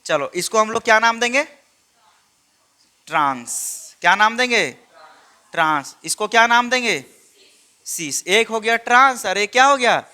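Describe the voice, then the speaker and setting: Male chemistry teacher, high bright voice, classroom quizzing style. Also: animated, unhurried, pauses often. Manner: quizzing students with repeated questions. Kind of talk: classroom lecture.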